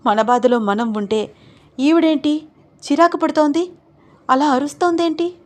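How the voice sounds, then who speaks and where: A woman's voice: medium pitch, steady tone, fairly quick, lightly acted. A woman voicing an upset, indignant young wife in a read-aloud audio story. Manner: exasperated, complaining.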